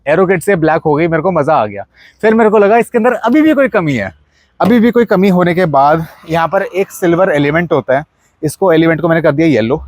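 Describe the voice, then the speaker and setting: With a slightly high, slightly mellow voice and no echo, a young man with an Indian accent shows off his modified car. His walkaround is casual and talkative, blending Hindi and English while he points things out.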